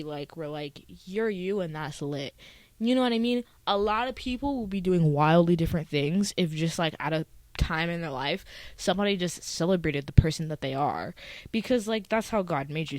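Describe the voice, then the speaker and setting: A young woman vlogging in a casual, heartfelt way, her voice sitting a little low. She talks chatty and slangy, laughing often and getting close to tears. The sound is dry and close. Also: no room sound, rough recording. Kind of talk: casual heartfelt talk to camera.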